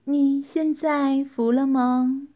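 A woman's voice: high-pitched, flat delivery, takes it slowly, dark tone. A woman voicing a cold, mocking young sorceress. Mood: smug. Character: cruel playful young woman with hypnotic power.

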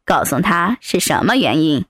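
A woman's voice: low-pitched, big pitch swings, moderate pace, a bit bright, breathy edge, no echo, studio quality, voice pushed down, exaggerated voice. A woman voicing a crude, domineering man who curses and barks orders, dropping far below her own voice. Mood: gruff bullying. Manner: coarse, bullying, swearing. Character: crude domineering male thug, adult man.

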